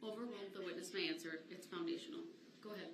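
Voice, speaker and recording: A woman's voice: on the low side, fast. Woman judge in an echoey courtroom. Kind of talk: formal courtroom procedure. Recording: echoey courtroom with background noise.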